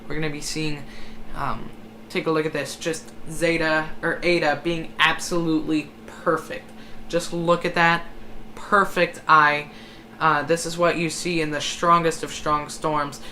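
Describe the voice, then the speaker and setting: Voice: mid-range voice, level tone, measured pace, bright, forceful tone. A person hosting live hurricane coverage, commenting on forecasts in a hesitant way and often correcting their own words. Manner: hesitant, self-correcting delivery. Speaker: livestream host tracking a hurricane. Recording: noticeable background noise.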